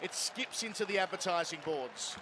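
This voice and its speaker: A man's voice: high voice, lively intonation, normal speed, pushed and bright, poor audio. A man giving live radio cricket commentary, describing the play in short running phrases. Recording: clear crowd noise at outdoor ground. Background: cricket crowd, outdoor ambience.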